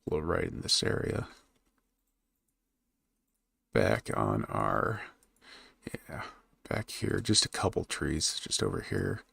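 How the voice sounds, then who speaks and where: Working on a map, a man with a low, gravelly voice chats casually to his live stream, muttering quietly to himself and then raising his voice to address chat. He's very animated but slow, pausing often, and the close, dry recording picks up typing and mouse clicks.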